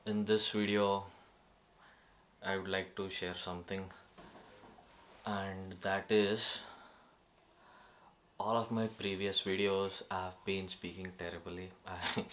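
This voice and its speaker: A man's voice: sits low, little pitch movement, unhurried, a bit bright, a little hiss or hum. A young man talking casually to camera as a vlogger, hesitant and fumbling, with many fillers.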